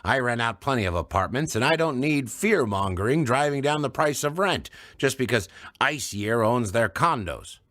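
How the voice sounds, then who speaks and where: A man voicing a nervous, fussy male city alderman in a high, squeaky voice. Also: wildly swooping pitch, normal speed, few pauses, a bit bright, husky, dry recording, studio quality, exaggerated voice. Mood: ranting.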